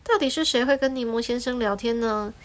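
Woman, children's story narrator, gentle, explaining, drawn-out fillers, higher pitch.

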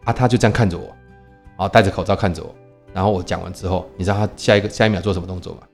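A man telling a story in casual podcast chat, animated, quoting people and asking rhetorical questions. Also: low-pitched, very fast, faint music behind. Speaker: podcast co-host; teacher.

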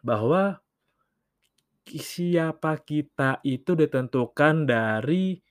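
A man's voice: on the high side, expressive, slow pace, no echo, studio quality. A man hosting a casual solo podcast, talking in loose slang and acting out short everyday dialogues. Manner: casual slangy Jakarta talk, acts out little dialogues. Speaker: podcast host.

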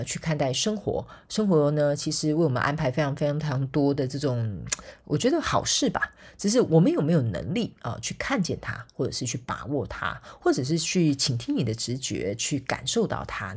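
A woman's voice: low-pitched, breathy edge. A sleepy woman hosting her own podcast, chatting casually and acting out bits of dialogue as she tells a story. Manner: chatty, acts out quoted dialogue, frequent fillers like OK and 哈. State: sleepy, softer voice than usual. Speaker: podcast host.

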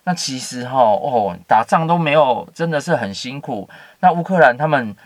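Man, Bible teacher, chatty with fillers, mid pitch, dry close sound. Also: animated, normal speed, no echo. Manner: chatty, with many fillers and asides. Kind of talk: casual Bible story commentary.

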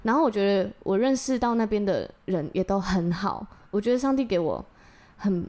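A woman, telling a personal story as a podcast co-host in casual, animated chat. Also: mid-range voice, normal speed. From Taiwan. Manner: animated storyteller, gushing with enthusiasm.

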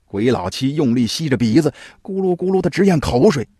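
A man telling a folk tale in an animated, expressive way, close to the mic. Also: fairly high pitch, fairly quick, husky, no room sound. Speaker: storyteller.

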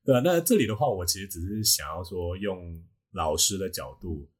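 Lower-pitched, husky Taiwanese man talking casually. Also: lively intonation, brisk. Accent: Taiwanese Mandarin. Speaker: podcast host and English pronunciation teacher. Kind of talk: casual podcast discussion.

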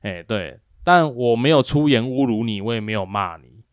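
A man recounts a clash at work with growing heat. He plays both himself and the other side. His voice sits at an ordinary middle pitch and is recorded dry and close, with no room sound. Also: moderate pace, clear, resonant tone, no room sound. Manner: animated, acts out both sides of an argument with rising emphasis. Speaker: co-host of a speaking-skills livestream. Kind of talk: casual storytelling chat.

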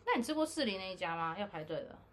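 A woman co-hosting a relaxed podcast chat. She teases her friend and laughs often while she explains things. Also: medium pitch, very fast. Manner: teasing, laughs often while teaching words. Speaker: podcast co-host. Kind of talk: casual chat.

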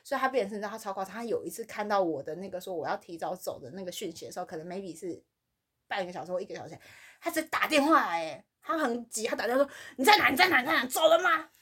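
A woman's voice: very fast, husky. A woman co-hosting a podcast, telling a workplace story in casual chat and acting out the other people's lines with big swings in her voice. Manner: animated, acts out quoted voices with big pitch swings. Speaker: podcast co-host.

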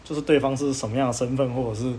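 A young man, hosting a podcast and telling a story in casual chat, animated and laughing as he goes. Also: mid-range voice, racing, heavy background noise. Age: young adult. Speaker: podcast host.

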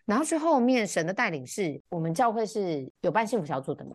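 A woman talks as a podcast guest, recounting a personal story in a relaxed, conversational way. Her pitch sits mid-range but swings widely, and she slips into other people's voices whenever she quotes them. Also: quick pace. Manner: animated, acts out quoted dialogue in varied pitch. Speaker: podcast guest, brand founder. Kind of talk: casual storytelling chat.

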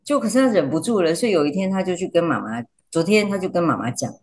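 Lively woman telling stories. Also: lowish voice, quick pace. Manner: animated storyteller, acts out quotes. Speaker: teacher guest. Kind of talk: casual podcast chat.

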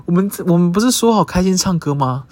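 A man's voice: high-pitched, expressive, fast, darkish tone. A man with a Taiwanese Mandarin accent telling a story in a casual podcast monologue, chatty and self-mocking, breaking into bits of song. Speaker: podcast host.

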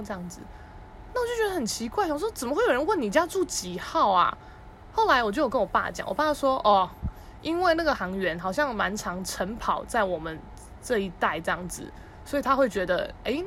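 A woman's voice: mid-range voice, fairly bright tone, slight background noise. A young woman with a Taiwanese Mandarin accent tells family stories in a casual podcast monologue. She acts out her relatives' voices and laughs often. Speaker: podcast host.

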